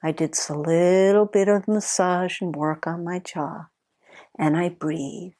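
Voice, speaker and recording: A middle-aged woman, a massage therapist, calmly teaching body awareness and telling a personal story in a slow, deliberate, gently demonstrative way. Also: fairly low pitch. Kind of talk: calm instructional talk with personal story.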